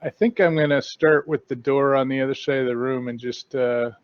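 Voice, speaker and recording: A man playing a tabletop game, calmly checking doors and chests one by one. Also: medium pitch, fairly quick, no echo, muffled recording. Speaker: player. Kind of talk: tabletop role-play.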